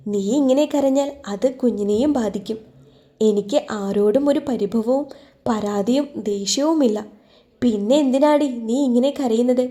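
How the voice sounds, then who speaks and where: A woman voicing a patient young heroine in an audio love story, speaking in a gentle, comforting way. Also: fairly high pitch, lightly acted.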